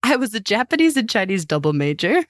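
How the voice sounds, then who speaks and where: A young American woman talks fast in a mid-range voice with big pitch swings, chatting upbeat and casually with plenty of "like." She is a podcast guest, language learner and singer, recorded dry with clean studio sound.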